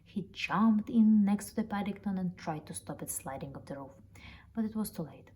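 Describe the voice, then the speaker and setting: A woman reads a children's story aloud in an expressive, storytelling manner, with a medium pitch and normal speed. Noticeable background noise and ambience can be heard in the recording.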